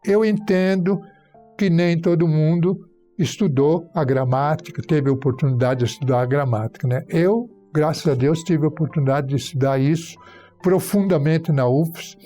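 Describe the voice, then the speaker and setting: Casting note: male grammar teacher, high and mellow voice, methodical, works through example sentences. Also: moderate pace, soft background music. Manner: teacherly, illustrating points with spoken example sentences. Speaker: Portuguese teacher guest. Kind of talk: explaining grammar on a church talk program.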